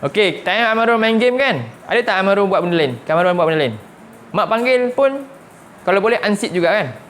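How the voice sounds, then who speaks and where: A man's voice: high voice, animated, brisk, fairly bright tone, a little hiss or hum. A man with a Malaysian Malay accent teaching a Quran lesson, firing repeated questions at his students and slipping in English words. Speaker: religious teacher. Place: mosque classroom.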